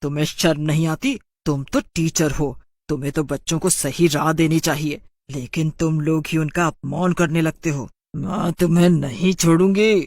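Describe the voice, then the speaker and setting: A woman's voice: sits low, fairly even intonation, moderate pace, hardly any pauses, darkish tone, dry recording. A woman voicing a fierce, protective mother witch in a storybook tale, doting on her daughter and menacing to those who wrong her. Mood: furious. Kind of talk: storybook narration.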